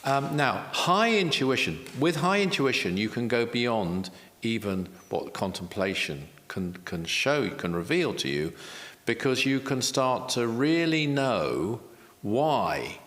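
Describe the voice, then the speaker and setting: Lively male spiritual teacher, mid-pitched, earnest and explanatory, echoey room. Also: slow pace. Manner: earnest, repeats key phrases, self-deprecating asides. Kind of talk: explanatory interview talk.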